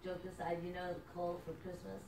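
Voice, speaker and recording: Lowish woman, quiet joking aside, far off in a roomy church, noisy. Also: completely flat delivery, fairly quick. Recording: echoey room, far from mic, noise.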